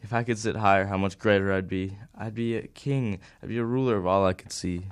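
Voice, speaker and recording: A woman's voice: very deep voice, fairly even intonation, brisk, no room sound, studio quality, pitched below the performer's own voice. A woman voicing a boastful, self-important male turtle king in a storybook reading. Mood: pompous.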